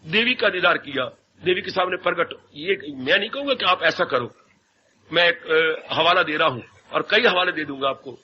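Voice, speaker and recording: A man's voice: on the high side, lively intonation, moderate pace. A man giving a devotional sermon as a spiritual teacher, telling stories and acting out voices. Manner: storytelling, often acting out voices. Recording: dull lo-fi 1990s tape with faint hiss.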